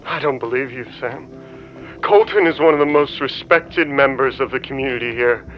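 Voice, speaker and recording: An actor playing a smug, corrupt small-town police officer, heard over a phone on speakerphone. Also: male voice, mid-range voice, normal speed, soft background music. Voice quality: smug, mocking, giggly. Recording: dull lo-fi phone line.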